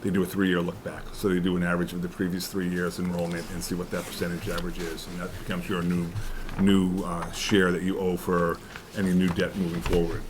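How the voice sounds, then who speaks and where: Deep flat-voiced man explaining at a meeting. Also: noisy background. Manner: explanatory, halting with restarts. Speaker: school official presenting to select board. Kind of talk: public meeting presentation.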